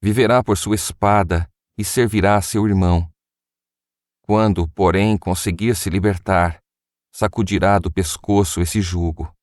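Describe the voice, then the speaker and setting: A man's voice: deep voice, fairly even intonation, dry recording, studio quality. Old Isaac, as a man reads him, solemn and grave. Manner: solemn, measured.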